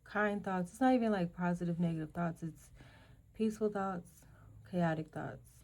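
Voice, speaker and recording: A woman giving a spiritual energy reading as host, speaking haltingly and listing words one at a time with pauses and fillers. She is losing her voice and keeps clearing her throat. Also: on the low side, darkish tone. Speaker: energy reader.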